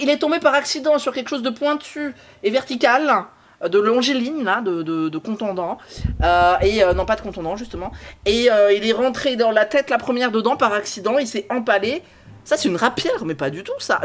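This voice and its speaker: A man's voice: very high voice, a bit bright. A man streaming a mystery game from his computer, thinking aloud in a rambling, hesitant way with many fillers and restarts, joking and getting sidetracked. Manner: jokey, self-talking, easily sidetracked. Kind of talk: live-stream gameplay commentary.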